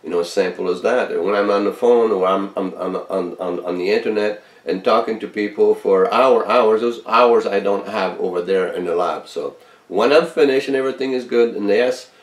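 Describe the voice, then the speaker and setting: A man sick with a virus talks bluntly and emphatically, repeating himself as he demonstrates his inventions in a casual workshop video. His voice is on the low side at normal speed, recorded from a distance with a roomy, off-mic sound.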